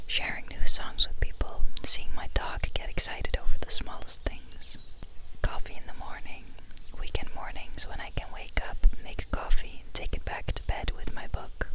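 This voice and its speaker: An ASMR host of unclear sex reading listener submissions in an unvoiced, breathy whisper, with a gentle, unhurried, soothing delivery.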